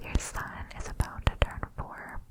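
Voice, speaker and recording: A woman whispering an ASMR ramble in a breathy, unvoiced voice, softly repeating words and moving between quick bursts and slow, drawn-out phrases. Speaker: ASMR video creator.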